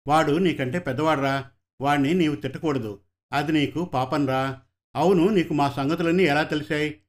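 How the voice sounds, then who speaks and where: A man reading the soft, affectionate lines of an elderly father, a retired teacher, in a storybook. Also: a little high, normal speed, lightly acted. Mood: gently scolding.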